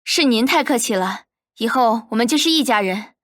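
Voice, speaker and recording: A gracious young investor. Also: female voice, fairly high pitch, expressive, moderate pace, a bit bright, no room sound, studio quality. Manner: courteous, gracious.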